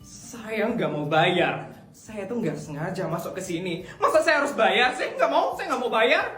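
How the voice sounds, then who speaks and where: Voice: medium pitch, big pitch swings, a little slow, a bit bright. A performer voicing a spoiled rich girl in a comedy skit, who shrieks and laughs through her lines. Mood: giddy. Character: spoiled rich girl shouting she won't pay. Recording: roomy sound with background music.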